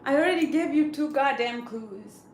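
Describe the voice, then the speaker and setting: An East African woman hosts a livestream, chatting casually with viewers, laughing often and teasing their guesses despite a sore throat. Her voice is high-pitched and moves at a moderate pace. A little hiss or hum sits under the audio.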